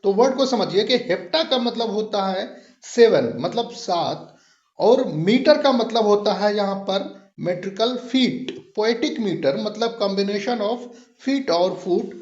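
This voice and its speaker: A male teacher talks through a lecture in a high voice, unhurried and deliberate. He repeats key points and checks that the class follows. The sound is roomy and a little muffled. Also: expressive, darkish tone. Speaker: English literature teacher. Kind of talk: explanatory lecture, mixing Hindi and English.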